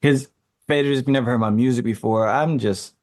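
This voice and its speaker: A man with a mid-pitched voice in a very dry recording talks as a podcast guest. His chat is informal, and he repeats words to drive a point home. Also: brisk, darkish tone, no echo. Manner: informal, emphatic repetition. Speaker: guest hip hop artist.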